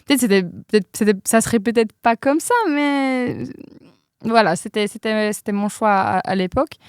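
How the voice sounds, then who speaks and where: Speaking as an interview guest, a young non-native French-speaking woman recounts her exchange-study experience casually, hesitating, filling pauses often, and laughing a lot. She has a fairly high, clear, resonant voice at a moderate pace, recorded cleanly in a studio without room sound.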